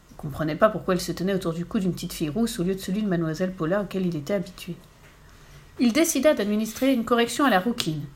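A woman narrating a children's storybook aloud in a steady, clear storytelling voice. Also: mid-range voice. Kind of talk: storybook reading.

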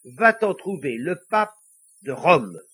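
A man's voice: high-pitched, very animated, takes it slowly, a bit bright, slightly rough, pitched above the performer's own voice, exaggerated voice. A man voicing a flustered, startled village priest in a storybook reading. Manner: flustered, exclaiming.

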